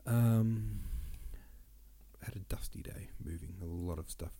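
Taking it slowly in a deep voice, a man hosting a podcast reads old poems aloud and talks them over. He sounds congested and sniffly, and his asides between the verses are relaxed and casual.

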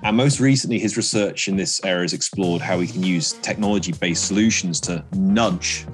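Low-voiced male co-host, faint music. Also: fairly quick. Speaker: podcast co-host. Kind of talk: conversational introduction.

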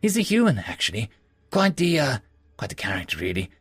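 A man's voice: mid-range voice, huge pitch swings, fairly quick, a bit bright, slightly rough, dry recording, faint music behind, exaggerated voice. A man voicing a roguish, charming male halfling in a story, chatty and gallant with small hesitations. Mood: gallant, sly.

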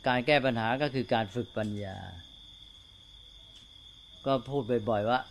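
An older male Buddhist monk giving a slow, unhurried talk to fellow monks, often checking in with tag questions. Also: mid-range voice, a little hiss or hum.

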